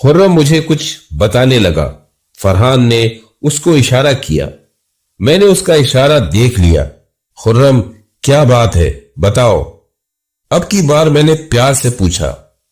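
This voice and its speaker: Male horror storyteller, slow and measured, lively rise and fall, suspenseful. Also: medium pitch. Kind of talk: scripted first-person horror narration.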